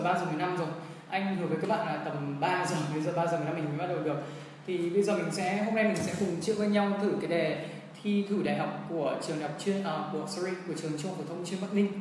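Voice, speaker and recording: A man's voice: high voice, a little mellow, a little hiss or hum. A young man teaching on a livestream, walking through an exam in a chatty way and often checking in with his viewers. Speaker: English teacher. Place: indoor room, filming his screen for a livestream. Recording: echoey room with long reverb.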